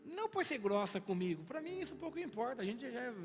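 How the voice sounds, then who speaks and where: A man's voice: very high-pitched, fast. A male pastor with a Brazilian Portuguese accent preaching a sermon in a church, telling stories and acting out the dialogue. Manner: storytelling, animated, acts out dialogue. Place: church sanctuary. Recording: reverberant church hall with faint music.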